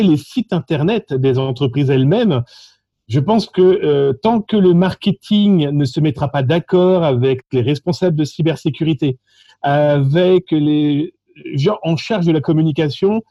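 Lively French man, lo-fi sound. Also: a little high, dry recording. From France. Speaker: social engineering contest participant. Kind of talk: animated conversational storytelling.

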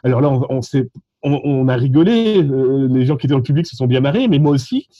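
A man from France with a French accent, telling stories animatedly in a lively, joking way about his contest calls. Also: mid-range voice, quick pace, no room sound, highs cut off. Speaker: social engineering contest participant. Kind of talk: animated conversational storytelling.

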